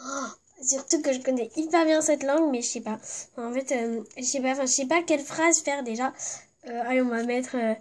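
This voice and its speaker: High-voiced congested woman vlogging. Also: a little fast, a little mellow. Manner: rambling, full of fillers. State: congested from a cold. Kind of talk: casual vlog chat.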